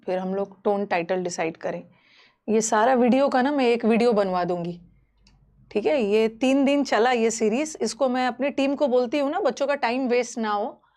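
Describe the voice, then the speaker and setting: A woman's voice: fairly high pitch, a little mellow. A woman teaching a live online exam-prep class, explaining terms in a mix of Hindi and English and checking in with students often.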